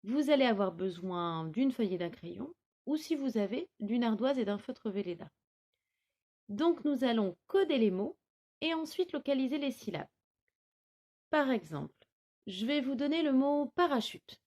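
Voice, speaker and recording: A woman teacher giving young children a phonics lesson, spelling out words slowly syllable by syllable. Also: a little high, lively intonation, a little mellow. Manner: slow, clearly articulated, syllable by syllable. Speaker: kindergarten teacher.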